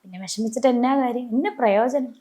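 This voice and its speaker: Woman talking fast in an interview, high voice, acts out quotes, keeps restarting. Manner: animated storytelling, acting out quoted voices; frequent restarts and self-corrections. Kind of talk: emotional personal interview.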